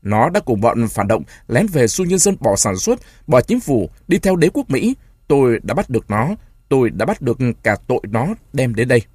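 A man voicing a male government medic in a storybook reading, loudly addressing a crowd. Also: mid-range voice, very animated, normal speed, slightly rough, dry recording, clean studio sound. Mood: commanding. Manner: loud, declaiming to a crowd.

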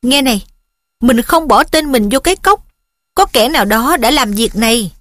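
A woman reads a teenage boy wizard, frustrated and defensive, pushing back with insistent protests in a bright, higher-pitched voice. The storybook voice sounds close and dry, with no room around it. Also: lively intonation, moderate pace, dry recording.

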